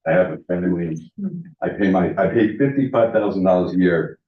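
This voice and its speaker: A man's voice: low-pitched, a little fast. A man born in the United States, a landlord speaking at a public comment session, blunt and rambling, often restarting his sentences. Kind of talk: public comment at a village board meeting. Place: village board meeting room. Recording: roomy meeting hall, distant dull mic.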